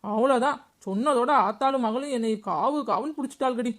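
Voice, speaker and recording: A woman's voice: on the high side, fairly quick, natural voice. A woman voicing a chatty, emotional young village daughter-in-law in a cartoon. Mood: complaining. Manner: plaintive and chatty, complaining. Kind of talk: cartoon voice acting.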